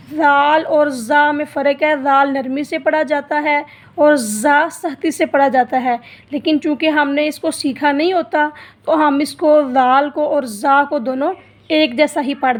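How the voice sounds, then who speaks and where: A high-voiced woman gives a beginners' Quran reading lesson at an unhurried pace. She explains each group of letters patiently and stretches out their sounds to demonstrate them. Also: fairly even intonation. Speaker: Quran teacher. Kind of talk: slow step-by-step lesson.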